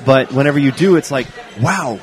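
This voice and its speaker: A man's voice: mid-range voice, animated, fairly quick. A man hosting a casual podcast chat, upbeat and laughing often, talking in long runs. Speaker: podcast host. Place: outdoors at a brewery. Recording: noisy crowd behind. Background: crowd chatter.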